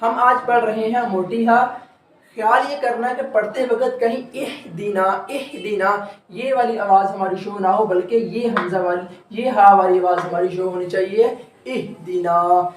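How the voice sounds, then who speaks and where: A man's voice: high voice, fairly even intonation, normal speed, echoey room. A man teaching a recorded tajweed lesson, explaining step by step and drawing out each sound to demonstrate it. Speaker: Quran recitation teacher.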